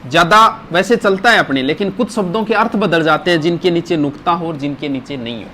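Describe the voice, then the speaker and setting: A man's voice: on the high side, a little fast, bright, forceful tone, a little hiss or hum. A male teacher, giving a grammar lesson to a class, asking questions and stressing words.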